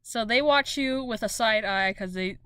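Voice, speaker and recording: A young woman runs a tabletop game over a voice call, her voice sitting a little high. She narrates with lively, giggly energy and breaks into laughter often. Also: moderate pace, clear, resonant tone, no room sound, clean studio sound. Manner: giggly, animated storytelling. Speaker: game master.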